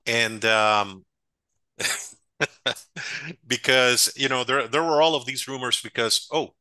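A man's voice: mid-range voice, slow, dry recording. A man from Costa Rica with a Costa Rican accent, a guest writer telling stories of his childhood on a video call through a headset. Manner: warm storytelling, self-amused, gestures while talking. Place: home room, video call.

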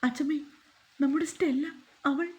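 A woman's voice: high-pitched, fairly even intonation, normal speed, mellow, pitched above the performer's own voice, natural voice. A woman voicing a caring young woman who brings bad news and comforts her family. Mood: anxious.

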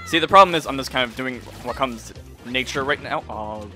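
A man giving casual, excitable commentary over his own gameplay, swearing and laughing as he plays. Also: medium pitch, fairly quick, faint music behind. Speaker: gaming YouTuber.

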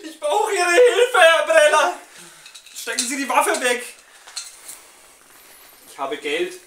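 A man's voice: very high-pitched, wildly swooping pitch, takes it slowly, a bit bright, heavily acted. A man playing a desperate, pursued client in an amateur noir short, insistent and pleading. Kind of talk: amateur film noir acting. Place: living room, indoors. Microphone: camera mic at a distance. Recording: echoey room, distant mic, noisy.

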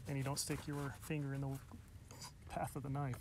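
Against a noisy background, a man speaks at medium pitch with a level tone and normal speed. He's a middle-aged host of an outdoors channel, casually narrating bushcraft at a mountain campsite, chatty and self-deprecating as he explains his gear to the camera step by step. Sound comes from a camera mic, with a body cam and a tripod-mounted camera.

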